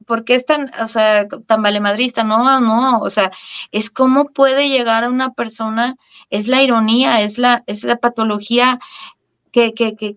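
Middle-aged Mexican woman, interview guest, smooth voice, candid and lively, muffled recording. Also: fairly high pitch. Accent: Mexican Spanish. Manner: animated, many restarts and fillers, laughs at her own story.

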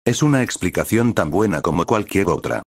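A man's voice: sits low, animated, brisk, vocal fry, slightly rough, no echo, studio quality, heavily acted. A man voicing a friendly, teasing older male student in a story reading.

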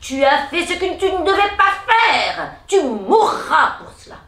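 A woman's voice: extremely high pitch, very animated, unhurried, pushed and bright, voice pushed up, heavily acted. Monstrous male beast, furious, roaring, menacing, storybook telling, woman voicing, echoey room. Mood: threatening.

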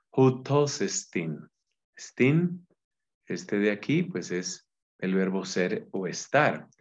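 A man with a Colombian Spanish accent, a Dominican friar, teaching biblical Greek patiently and chanting verse lines slowly. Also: lowish voice. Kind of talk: gentle Bible lesson with sung Greek verse. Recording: slightly dull, lo-fi recording.

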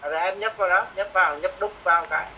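A man teaching music software to a student, with a fairly high, bright voice. He gives patient, repetitive step-by-step instructions. Faint noise sits behind him. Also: quick pace, poor audio. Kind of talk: remote software lesson.

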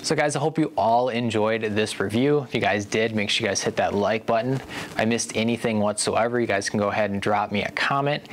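Low-voiced man reviewing gym gear. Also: fairly quick, a little hiss or hum. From USA. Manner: relaxed and conversational, keeps addressing viewers as guys. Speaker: home gym equipment reviewer. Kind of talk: casual product review to camera. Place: indoor home gym.

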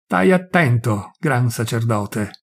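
A man's voice: fairly high pitch, lively intonation, slightly rough. A man voicing a menacing Roman governor. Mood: weary, cold. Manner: slow, threatening, then fiercely scornful. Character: stern older male Roman governor, weary and menacing.

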